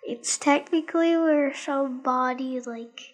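Female co-host, high pitch, hesitant casual movie chat. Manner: halting, full of fillers and restarts. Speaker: podcast co-host.

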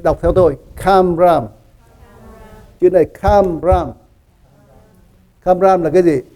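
A man preaching a sermon, teaching lively, asking the congregation questions and making joking asides with frequent laughter. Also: sits high, normal speed, poor audio. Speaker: pastor.

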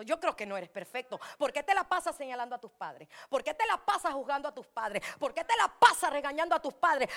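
A woman preaching a fervent sermon at a church service. She swings from shouting to hushed pleading and breaks into speaking in tongues. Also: sits high. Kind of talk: Pentecostal sermon.

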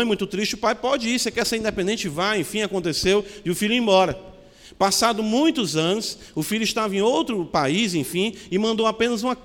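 Male pastor, high-pitched, earnest sermon, questions to the congregation, long hall reverb. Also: fairly bright tone. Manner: earnest teaching tone with frequent questions to the listeners.

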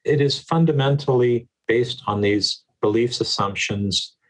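A man's voice: medium pitch, a little slow, poor audio. A man speaking as a guest educator in an interview, emphatic and repeating words for stress. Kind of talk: earnest conversational interview.

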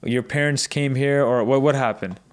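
A man hosting a podcast, friendly and curious, asking quick follow-up questions in a casual interview. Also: medium pitch. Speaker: podcast host.

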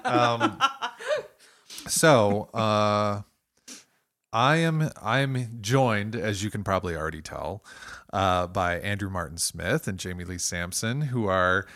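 A man's voice: fairly low pitch, takes it slowly, a bit bright. A man hosting a casual podcast from his dining room, chatty and laughing often between filler words. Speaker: podcast host. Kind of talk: casual chat.

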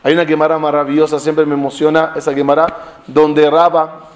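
Man teaching a lively Talmud class. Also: on the high side, fairly quick. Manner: animated storytelling with rhetorical questions; mixes Hebrew study terms into his speech. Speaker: Torah teacher. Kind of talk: Talmud class to a live group.

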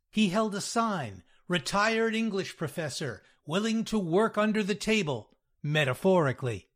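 A male narrator reads a humorous short story aloud. His voice sits high, and his pitch moves a lot as he tells it. The delivery is lively and expressive.

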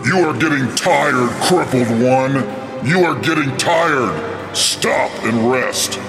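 An actor playing a reedy-voiced winged demon who tempts and wheedles in an audio drama. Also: male voice, mid-range voice, slow pace. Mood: wheedling. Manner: wheedling, growing agitated. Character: shrieking winged male demon in tower, tempting. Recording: with music and distant.

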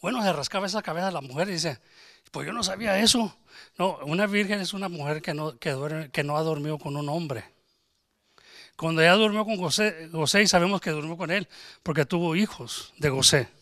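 A man's voice: a little high, brisk, fairly bright tone, no room sound, clean studio sound. A man preaching a sermon, emphatic, asking rhetorical questions and acting out conversations.

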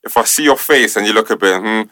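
A man's voice: lowish voice, fast, sharp tone, low-quality recording. A man with a London accent chatting casually and animatedly as a co-host, using heavy street slang. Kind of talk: casual chat.

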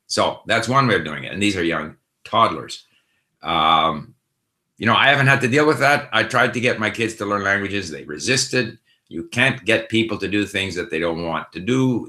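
With a lowish, pushed and bright voice, a middle-aged man fields viewer questions during a casual live language-learning Q&A. He is reflective and conversational, with lots of fillers and restarts, and the recording carries a roomy echo.

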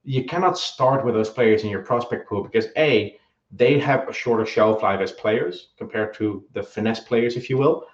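A man's voice: on the low side, moderate pace. A man giving his opinions in a casual podcast chat, often hesitating with ums and restarting his sentences. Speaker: guest analyst. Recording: echoey, dull lo-fi remote audio.

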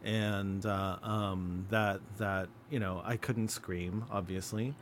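A man hosting a podcast, talking haltingly with many fillers and restarts, and dropping his voice low when he tells a story. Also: steady tone, a little hiss or hum. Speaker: podcast host. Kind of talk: casual podcast conversation.

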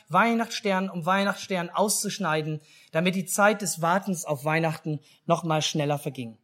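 A man with a German accent telling a children's Christmas story in a church service, speaking lively and asking the children questions. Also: high-pitched. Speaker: pastor.

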